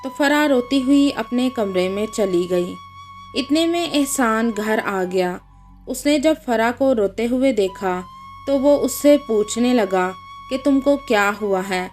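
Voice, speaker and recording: A woman narrating a scripted family story in a measured, storybook manner. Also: a little high, lively intonation, a little mellow, soft background music. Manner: slow, measured storybook reading.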